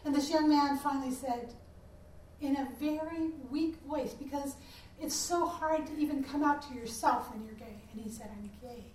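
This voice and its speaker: High-voiced middle-aged woman, echoey distant panel. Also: normal speed, a little mellow. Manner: heartfelt, searching for words. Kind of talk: earnest panel discussion. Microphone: distant room mic. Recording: echoey, distant, faint hiss.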